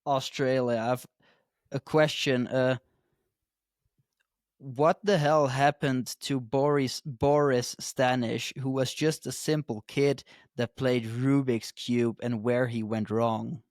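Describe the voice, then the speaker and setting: A man's voice: mid-range voice, fairly even intonation, slow pace, darkish tone, no echo. A male podcast co-host with a mid-range voice, throwing out blunt, teasing questions in casual chat. The recording is dry, with no room sound.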